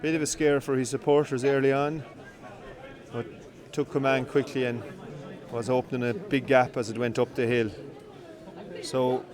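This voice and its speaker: A man giving live commentary on greyhound coursing from an outdoor field, brisk and rising with excitement during the runs. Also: mid-range voice, crowd noise. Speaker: race commentator.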